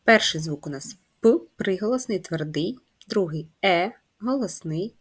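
A woman's voice: fairly low pitch, lively intonation, unhurried, husky. A woman teacher giving a first-grade handwriting lesson, patient and instructive, spelling out letters and sounds one by one. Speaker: primary school teacher.

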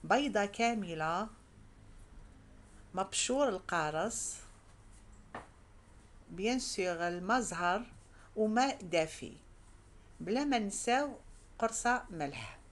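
A woman's voice: medium pitch, animated, slow pace, long pauses, slight background noise. Algerian woman teaching a recipe. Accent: Algerian Arabic. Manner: friendly, addresses viewers as sisters. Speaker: cooking channel host. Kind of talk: cooking tutorial.

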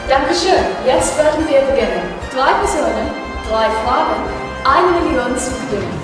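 A schoolgirl playing a quiz show host, high-pitched, far from the mic in an echoey hall, music behind. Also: animated, moderate pace. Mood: upbeat. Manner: announcing, formal, game-show patter. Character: chirpy teenage girl quiz show host. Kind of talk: acted game show hosting.

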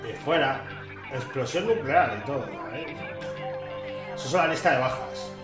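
A man's voice: medium pitch, normal speed. A man with a Spain accent giving casual, colloquial and irreverent commentary while he plays a game. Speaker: gamer commentator. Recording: echoey room with loud game music.

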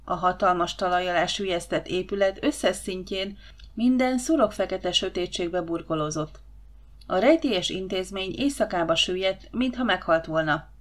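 A woman narrating a science fiction audiobook in a steady, measured reading voice. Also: fairly low pitch. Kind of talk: audiobook reading of a sci-fi novel.

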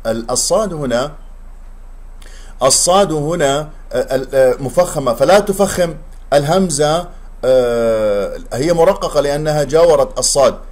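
A man's voice: medium pitch, animated, darkish tone. Man teaching Quran recitation rules. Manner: explains rules briskly, then recites words slowly and drawn out, mimics mistakes. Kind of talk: tajweed lesson with recitation.

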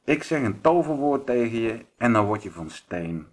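A man's voice: mid-range voice, very animated, normal speed. A man voicing a cackling, mocking old female witch.

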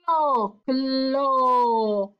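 A woman's voice: sits high, extremely slow, clean tone, lo-fi sound. A woman teaching children a phonics lesson, patiently sounding out syllables, rolling her R and answering her own questions.

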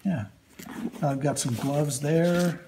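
A man hosting a workshop video, casually showing his tools in a slow, halting way with lots of ums and uhs. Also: fairly high pitch, background noise. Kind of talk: casual show-and-tell of tools. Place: indoor workshop at a metal bench. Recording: loud clatter of metal tools.

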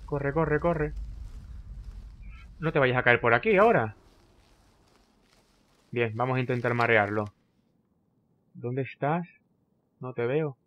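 A man talks through his own gameplay as it happens, at a mid pitch. He gets excitable and fires off the same short phrases again and again when things turn tense. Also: measured pace, long pauses, muffled recording. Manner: excitable, frequently repeating short phrases under pressure. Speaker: gameplay commentator. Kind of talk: live gameplay commentary.

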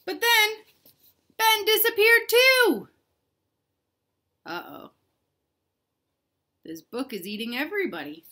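Indoors in a home living room, a young woman reads a picture book to small children in an extremely high, animated voice that's pushed and bright. She goes slowly with long pauses, reading expressively as a read-aloud host or teacher and asking the kids simple questions.

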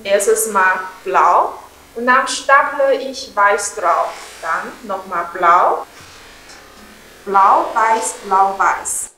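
A woman in her thirties from Taiwan, a ceramic designer explaining her work in careful, halting German with many fillers. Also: a little high, fairly bright tone, slight background noise. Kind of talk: studio tour explanation. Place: indoor ceramics studio, small room. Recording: roomy studio echo.

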